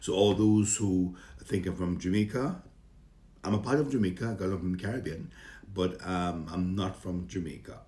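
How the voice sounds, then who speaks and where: Speaking to his fans in a casual, rambling, good-humored introduction, this male comedian carries a Vincentian accent and hails from Saint Vincent and the Grenadines and the British Virgin Islands. His low, mellow voice moves at a normal speed in a roomy-sounding space.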